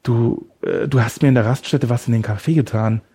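A man's voice: mid-range voice, steady tone, fairly quick, dark tone, husky. A man voicing a frightened young male captive who gasps and pleads. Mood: pleading, scared. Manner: gasping, pleading.

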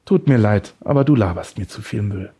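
A man's voice: fairly low pitch, lively intonation, brisk, dark tone, husky. A man voicing a deranged male woodcutter who holds someone captive, taunting and smug, then creepily tender. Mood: mocking. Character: deranged male woodcutter kidnapper, mocking and obsessive.

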